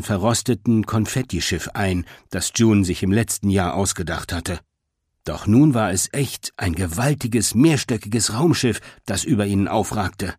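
Casting: male storybook narrator, low and husky, lively delivery, dry close sound. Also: no room sound. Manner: expressive storytelling. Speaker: audiobook narrator.

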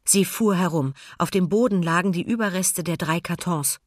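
A woman narrates a children's story aloud, calm and expressive. Her voice is low with a husky edge. The recording is dry and close. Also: normal speed, dry recording. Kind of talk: children's audiobook reading.

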